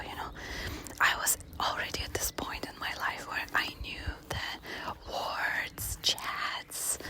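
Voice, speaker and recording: A woman telling a personal ASMR storytime in a hushed, quiet night-time whisper, informal and confiding. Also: low-quality recording.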